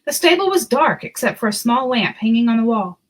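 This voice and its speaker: With a fairly high pitch, a woman narrates a kids' storybook, giving it a deliberate and expressive storytelling delivery.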